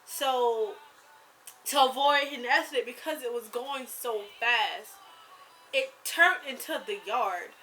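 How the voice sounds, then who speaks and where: A young woman vlogging, telling a scary story in a rambling, animated way with lots of fillers. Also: a little high, slow pace, slight background noise, rough recording. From rural US South. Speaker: YouTuber. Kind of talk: casual storytelling vlog.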